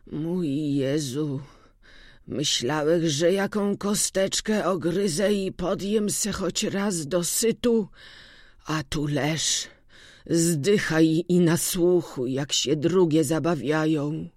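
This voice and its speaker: A narrator voicing a sick older farmhand with a weak, feverish voice, speaking slowly and mournfully in an audiobook. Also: medium pitch, dry recording, clean studio sound. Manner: slow, sighing, mournful.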